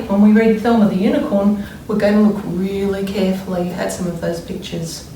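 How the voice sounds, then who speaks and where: This is an expressive children's read-aloud: a woman with average female pitch reads like a primary teacher, deliberate and dramatic, stopping to think aloud and explain. She sounds far off in a very echoey space, with faint background noise.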